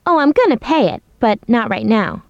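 A woman playing an animated young roommate. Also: a little high, normal speed, no room sound, highs cut off. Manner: expressive, clear scripted delivery. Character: young woman roommate explaining unpaid bills. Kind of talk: scripted dialogue for a language course.

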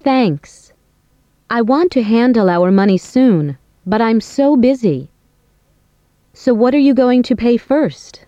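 A young woman in a recorded language-course dialogue, played by a woman, speaking in clear, careful everyday speech. Her voice is a bit high and warm and mellow. The recording is dry and somewhat dull. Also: very animated, moderate pace, no echo. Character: young woman chatting about bills with her roommate.

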